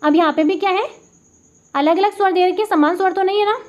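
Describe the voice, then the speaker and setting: A woman's voice: extremely high pitch, darkish tone. A woman tutor with a Rajasthani Hindi accent, explaining grammar examples one sound at a time and pointing out each one as she goes. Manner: patient, step-by-step, repeats sounds slowly and points at the board. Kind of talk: classroom lesson explaining examples. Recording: dull lo-fi audio.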